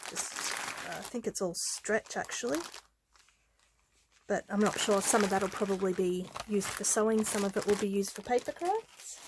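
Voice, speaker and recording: Showing her craft supplies in a casual vlog, this woman sounds a bit congested from a head cold. Her mid-range voice is expressive, and she talks in a relaxed, chatty way with frequent ums and uhs. Background noise can be heard.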